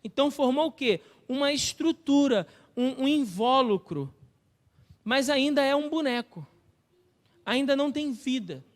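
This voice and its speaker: A man's voice: extremely high pitch, lively intonation, unhurried. A man with a Brazilian Portuguese accent preaching a sermon as pastor of a church, teaching step by step and asking the congregation questions. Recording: long reverb of a church hall.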